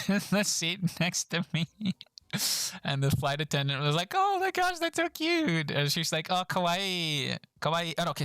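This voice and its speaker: A young man chats casually on his stream about his trip, laughing a lot and mimicking people in high voices. His tone is bright and sharp. The sound is dry and close. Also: dry recording. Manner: laughs often, animated storytelling with high-pitched quoted voices. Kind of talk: casual stream chat reviewing trip photos.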